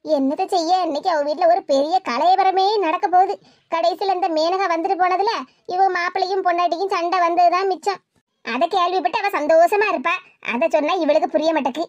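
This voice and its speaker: A woman's voice: extremely high pitch, brisk, no echo, highs cut off. A woman voicing a worried older mother who keeps trying to make peace, speaking Tirunelveli Tamil. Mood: fretful. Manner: pleading, soothing, fretful asides. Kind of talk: cartoon voice acting.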